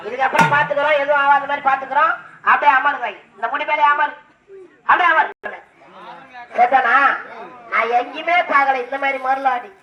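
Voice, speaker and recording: A man leading a temple ritual, coaxing a possessed devotee with repeated questions and sudden shouted calls. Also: very high-pitched, brisk, highs cut off. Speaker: temple ritual drummer and officiant. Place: temple festival. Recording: echoey, distant mic. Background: drums and music.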